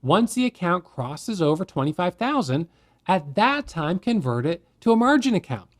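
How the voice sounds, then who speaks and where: A man's voice: high-pitched, very animated, moderate pace. A man who teaches day trading, explaining a rule in a plain, conversational way and asking rhetorical questions as he goes. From United States. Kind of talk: explanatory talk to camera.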